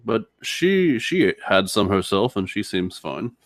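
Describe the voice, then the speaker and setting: A man's voice: lowish voice, big pitch swings, slow pace, a little hiss or hum. A man playing a tabletop role-playing game who speaks in character and laughs often.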